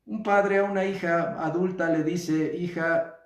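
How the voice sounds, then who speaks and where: A man's voice: high-pitched, steady tone. Mexican man talking in a roomy echo. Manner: measured, repeats phrases, checks in with listeners. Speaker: psychotherapist. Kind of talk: reflective live talk. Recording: roomy echo, distant mic.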